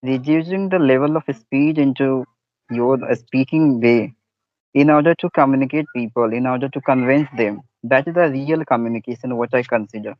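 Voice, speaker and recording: A man, speaking haltingly and searching for words in a casual English practice discussion. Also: medium pitch, no echo. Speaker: English conversation partner. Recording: dull, lo-fi, dry sound.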